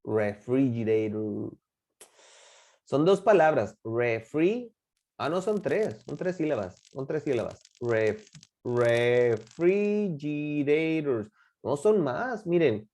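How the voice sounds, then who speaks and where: Lively, mellow-voiced teacher. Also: medium pitch, breathy edge. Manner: drills words slowly and quizzes the class with questions. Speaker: English teacher. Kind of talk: classroom instruction in Spanish and English.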